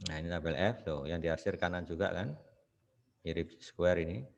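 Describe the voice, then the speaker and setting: A man teaching statistics in a recorded university lecture, walking through a problem step by step and tagging his points with quick rhetorical questions. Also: low-pitched, vocal fry, muffled recording. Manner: explains step by step with frequent rhetorical questions and "ya" tags.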